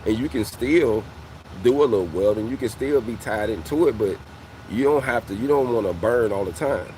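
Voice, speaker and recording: A welding coach in his forties hosts his channel with a casual motivational talk, constantly calling viewers "fam" and saying "you know what I mean." His lowish, warm voice moves at a moderate pace on a rough recording with slight background noise.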